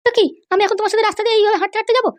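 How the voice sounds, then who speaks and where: Woman plays a shrill, scolding cartoon mother, very high and fast. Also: steady tone, no room sound. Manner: nagging, scolding. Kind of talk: cartoon voice acting.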